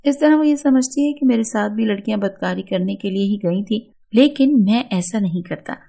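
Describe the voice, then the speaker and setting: A woman with an Urdu accent narrates a first-person story in a steady, earnest read. Her voice sits a little high yet sounds mellow and warm rather than bright.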